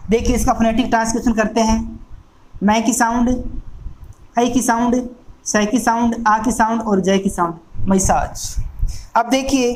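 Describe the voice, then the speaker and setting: A man teaching an exam-prep lesson who speaks slowly and deliberately, spelling out words sound by sound and repeating them for drill. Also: very high-pitched, slight background noise, rough recording. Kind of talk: recorded classroom lesson.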